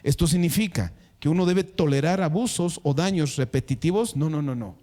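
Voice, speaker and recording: Man, pastor, high-pitched, sermon, emphatic, repeats words for stress. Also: normal speed, dark tone. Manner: addresses the congregation directly.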